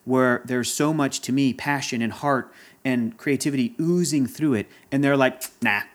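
A man's voice: medium pitch, steady tone, moderate pace. A man in casual chat as a podcast guest, talking in a passionate, rambling and emotional way. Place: Los Angeles area.

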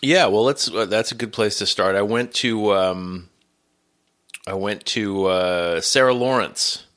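A middle-aged man with a gravelly, congested voice from a cold, chatting casually and hesitantly as a podcast host. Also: lowish voice, unhurried, a bit bright. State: has a cold.

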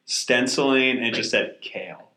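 A man's voice: medium pitch, moderate pace, roomy sound, very noisy. A man co-hosting a travel podcast, chatting casually and joking with his co-host in a coworking space.

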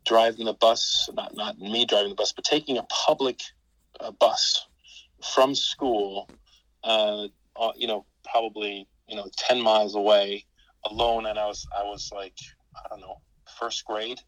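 A man in his fifties, a podcast guest, talking casually and hesitantly in an interview, with many pauses and restarts. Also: on the low side, fairly even intonation, fairly bright tone, no echo, low-quality recording.

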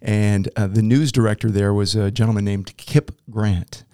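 A middle-aged man who works as a TV news anchor, talking as a podcast guest in a measured broadcaster's way with a few filler pauses. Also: on the low side, fairly even intonation, dark tone, no room sound, clean studio sound. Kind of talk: casual interview.

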